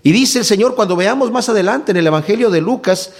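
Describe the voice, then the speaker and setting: A man preaching a Bible sermon as a pastor, acting out quoted voices with wide swings in pitch. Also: animated, fast talker.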